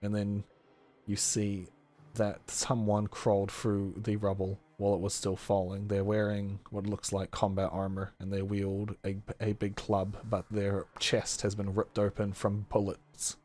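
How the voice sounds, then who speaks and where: A man acting as game master, slowly narrating a post-apocalyptic tabletop scene with descriptive, scene-setting delivery. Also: lowish voice, monotone, a little mellow.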